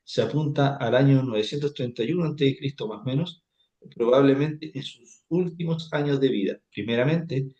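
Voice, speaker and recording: A man gives a classroom Bible lecture at a mid pitch. He repeats phrases and keeps checking that his students follow. The room around him is echoey. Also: moderate pace, mellow, muffled recording. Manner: repetitive, asks "¿cierto?" often. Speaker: Bible teacher.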